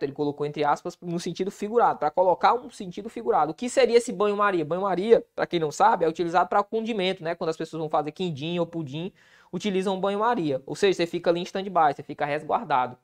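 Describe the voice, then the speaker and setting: Upbeat grammar teacher. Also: male voice, fairly high pitch, fast. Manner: asks and answers his own questions, constant "certo?" and "massa" check-ins. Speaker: Portuguese teacher. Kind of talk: exam-prep grammar lesson.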